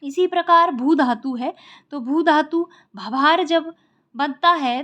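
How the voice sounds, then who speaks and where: A woman's voice: sits high, a bit bright. A woman teaching an exam-prep lecture, explaining step by step and repeating the key points. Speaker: Sanskrit teacher.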